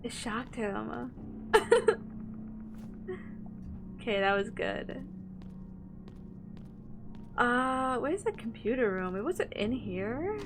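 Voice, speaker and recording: A young woman streaming a horror game, thinking aloud in casual commentary with lots of fillers and hesitations. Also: on the high side.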